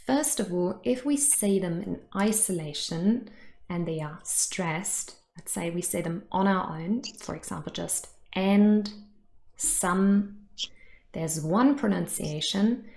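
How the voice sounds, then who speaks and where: A woman teacher explains pronunciation in a clear, measured way. She speaks slowly, and there is a noticeable echo from the room around her. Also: fairly low pitch, lively intonation, a little mellow. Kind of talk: explanatory lesson.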